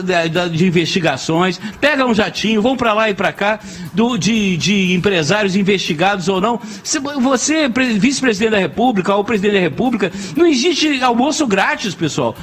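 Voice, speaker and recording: An older man with a Brazilian accent giving indignant, emphatic radio commentary, repeating phrases for effect. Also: high voice.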